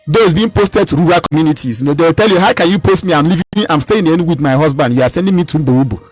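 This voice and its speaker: A man's voice: a little high, rapid-fire, husky, faint music behind, rough recording. A man in his thirties with a Nigerian accent, speaking as a political candidate in a radio interview, emphatic and given to repeating and restarting his phrases. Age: 30s.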